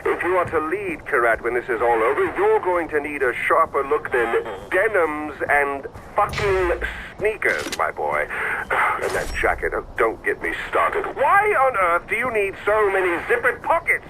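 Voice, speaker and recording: An actor playing a middle-aged, flamboyant dictator in a video game, urbane, charming and mocking, with an edge of menace. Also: male voice, fairly high pitch, wildly swooping pitch, moderate pace, noisy background. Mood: playful, teasing. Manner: urbane, mocking, drawling emphasis, swearing. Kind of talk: theatrical video game villain acting.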